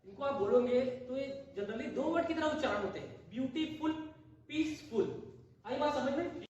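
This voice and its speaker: A male English teacher giving a classroom grammar lesson. He keeps asking questions and answering them himself, and he repeats words slowly. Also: extremely high pitch, lively intonation, darkish tone, lo-fi sound. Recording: very echoey room, voice far from the mic.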